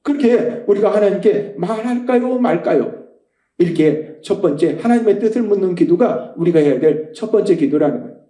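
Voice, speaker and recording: Animated male pastor in an echoey hall. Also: high-pitched, a little fast. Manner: emphatic, swings between rising passion and hushed quoting. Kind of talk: sermon. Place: church sanctuary.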